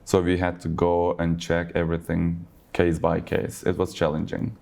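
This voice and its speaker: A man's voice: sits low, moderate pace, creaky. A man from Turkey, a non-native English speaker, talking casually at an industry event interview, with lots of "like" and "basically" fillers. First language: Turkish. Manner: relaxed, uses many fillers like "like" and "basically". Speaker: logistics business owner. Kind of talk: conversational interview. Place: conference event.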